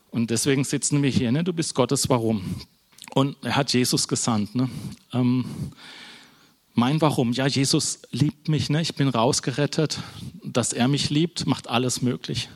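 A man's voice: medium pitch, a little slow, long pauses. A man preaching an informal sermon in a church hall, talking to the congregation in a casual, conversational way. Almost every phrase ends with a questioning "ne?", and he often stumbles, restarts and corrects himself mid-sentence. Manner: conversational, keeps adding a questioning "ne?"; false starts and self-corrections.

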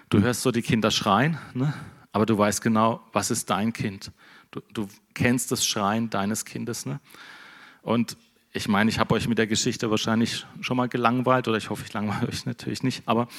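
A middle-aged man preaching a relaxed, conversational sermon and tagging his sentences with a questioning "ne?". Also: medium pitch. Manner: conversational, keeps adding "ne?". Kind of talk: casual sermon.

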